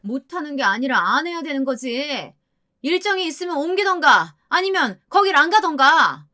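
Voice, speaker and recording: A woman voicing a bossy manager's wife who fawns on her superior and scolds those below her, in a high, sharp voice. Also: expressive, moderate pace, lightly acted. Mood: scolding. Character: shrill bossy young-ish wife, fawning then scolding.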